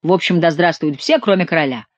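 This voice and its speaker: A woman's voice: lowish voice, fast talker, dry recording, natural voice. A woman voicing an indignant young male courtier who talks with bitter sarcasm.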